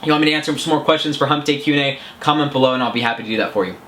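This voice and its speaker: A man's voice: mid-range voice, very fast, fairly bright tone. A man hosting a casual advice vlog, talking in an earnest, chatty way with frequent restarts. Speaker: self-help vlogger.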